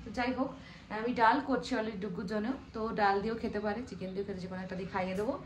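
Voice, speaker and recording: A woman's voice: mid-range voice, steady tone, fast, a little hiss or hum. A young woman from Bengal, chatting to her viewers in a casual home vlog while she cooks in her kitchen. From Bengal, living away. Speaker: family vlogger. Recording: echoey kitchen with faint ambience.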